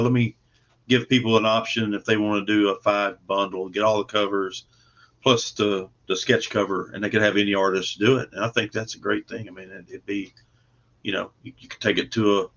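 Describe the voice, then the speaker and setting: This time the man's pitch sits fairly low, though his tone stays fairly bright. Speaking as an interview guest on a video call, he explains his comic book project in a casual, earnest, plainspoken way, and the call audio sounds dull and lo-fi.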